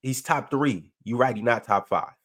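Dryly teasing American man, medium pitch. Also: moderate pace, a bit bright. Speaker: sports talk show host reading viewer comments. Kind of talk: casual sports debate.

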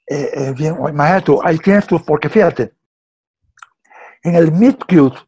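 Husky-voiced Venezuelan male co-host, rambling storyteller. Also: on the high side, a little slow, a little mellow. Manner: hesitant, repeats words, storytelling. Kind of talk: casual film chat.

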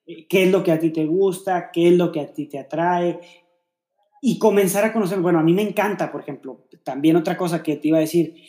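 A man's voice: fairly high pitch, a little fast, dark tone. A man co-hosting a casual faith-based podcast about relationships, talking reflectively and filling his thoughts with rhetorical questions. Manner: reflective, explains with many fillers and rhetorical questions. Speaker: podcast co-host. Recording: echoey room.

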